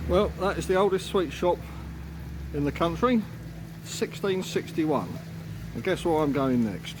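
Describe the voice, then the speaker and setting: Filming on a handheld phone, a male holiday vlogger gives casual, off-the-cuff, matter-of-fact narration while sightseeing. His voice is a little high and expressive at a measured pace, with clear ambient noise and sometimes rain behind him.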